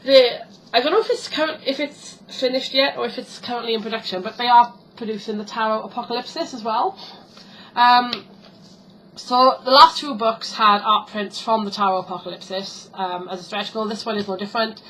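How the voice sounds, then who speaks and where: A woman's voice: a little high, brisk, fairly bright tone, slight background noise, low-quality recording. Chatty woman rambling through an unboxing. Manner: chatty and rambling, many ums and self-corrections. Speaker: tarot vlogger. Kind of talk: casual unboxing chat.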